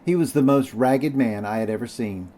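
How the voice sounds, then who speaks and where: A man's voice: mid-range voice, normal speed, dark tone. Teacher guy reading a story aloud for his class, plain narration, calls out page numbers. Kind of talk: read-aloud narration of a novel.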